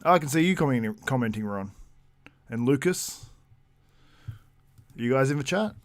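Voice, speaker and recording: A man's voice: medium pitch, animated, normal speed, no room sound. A man hosting a casual live-stream, chatting loosely and reading out viewer comments between laughs. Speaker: livestream host.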